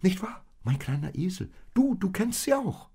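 A man voicing Maria, a gentle, eager and trusting young woman, in a read-aloud storybook, his voice lifted well above its usual low register. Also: very animated, normal speed, slightly rough, full character voice. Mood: excited, joyful. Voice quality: raised, bright voice.

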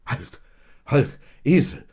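A man's voice: sits low, big pitch swings, a little slow, a little mellow, breathy edge, full character voice. A man voicing Josef, a careful and worried grown man, in a read-aloud storybook, only a little raised from his own voice. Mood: alarmed.

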